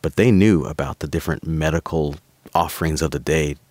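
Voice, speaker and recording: A man's voice: very deep voice, brisk, a little mellow, no room sound. A man, a pastor and author, guesting on a faith podcast, explaining scripture in an enthusiastic conversational way. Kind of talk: conversational teaching.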